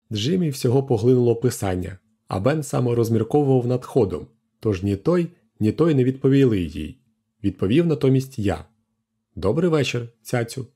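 A man's voice: mid-range voice, dark tone, breathy edge. A man narrating an audiobook, telling the story plainly and voicing the crew with small shifts. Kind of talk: scripted narration.

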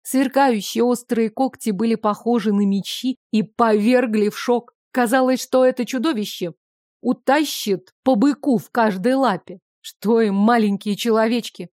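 A woman reading a first-person fantasy audiobook in an expressive, measured storytelling manner. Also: a little high, no room sound, studio quality. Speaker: audiobook narrator.

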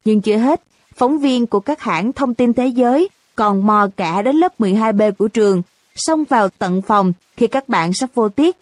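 A woman giving a lively first-person storybook narration. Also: a little high, moderate pace, no room sound.

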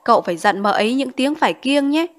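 A woman voicing a strict, domineering old mother-in-law who fusses and scolds in a hurried way. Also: sits high, animated. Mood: alarmed.

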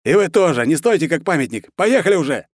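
A man reading a story aloud and voicing a panicked army colonel who yells orders over a radio. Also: fairly high pitch, sing-song, fast talker, no echo, clean studio sound, voice pushed up. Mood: furious. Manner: yelling, furious and near hysteria.

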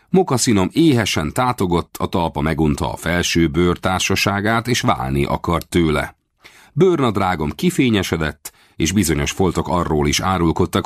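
A man's voice: sits low, dry recording. A man reading a first-person adventure novel aloud as an audiobook narrator, with a dry, wry storytelling manner.

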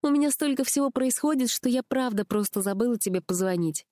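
A woman's voice: fairly high pitch, expressive, a little fast, warm tone, dry recording, studio quality, pitched above the performer's own voice, natural voice. A woman reading an audiobook, voicing a tired, anxious young woman in a raised voice.

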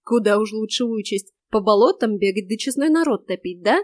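A solemn warrior hero, read by a woman, speaks plainly and gruffly in old-fashioned words. He is earnest and a little grim. The reading is dry and close. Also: mid-range voice, animated, fairly quick, no room sound, lightly acted.

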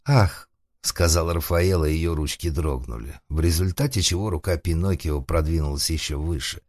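A man reading a humorous story aloud as narrator, wry and deadpan, with asides to the listener. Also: very deep voice, brisk, no echo, clean studio sound. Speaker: audiobook narrator.

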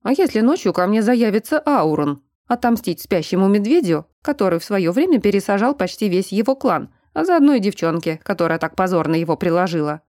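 A woman doing a brash male bear shapeshifter who coaches and teases in a bossy, mocking way, his voice low-toned and mellow. The reading sounds dry and close, with no room around it. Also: big pitch swings, a little fast, hardly any pauses, dry recording, lightly acted. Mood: teasing. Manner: teasing, bossy.

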